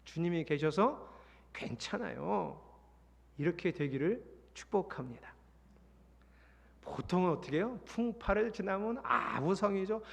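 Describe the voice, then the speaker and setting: A middle-aged man preaching a sermon as a pastor, lively and acting out the voices he quotes. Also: high voice, a little slow, vocal fry, long pauses. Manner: lively, acts out quoted voices, sings hymn lines. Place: large church sanctuary. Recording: long hall reverb.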